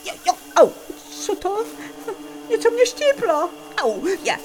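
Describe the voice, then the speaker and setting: A woman's voice: extremely high pitch, very animated, darkish tone, slight background noise. A woman voicing a cheerful little girl lost in the woods, chatting to herself in a puppet radio play. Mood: stung, panicked. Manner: chatty, talks to herself aloud.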